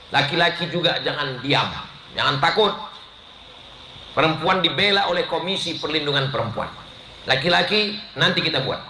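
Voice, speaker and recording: A man's voice: fairly high pitch, pushed and bright, a little hiss or hum. A middle-aged man preaching a live sermon, playful and joking, acting out little scenes and quizzing his congregation. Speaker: Islamic preacher. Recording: roomy hall reverb.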